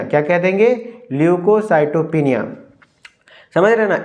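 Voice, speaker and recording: A man's voice: high voice, a little mellow. A young man with a Hindi accent giving an exam-prep lecture as a pharmacy tutor, asking questions and answering them himself and repeating key terms.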